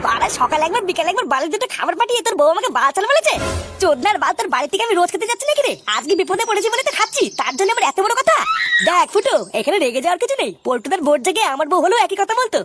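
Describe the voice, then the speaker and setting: A rapid, very high voice bouncing through a crude comic sketch, pitch leaping all over. Music plays clearly underneath the whole time. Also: female voice. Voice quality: high and lively, profane. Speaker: comedy sketch performer. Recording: music playing behind.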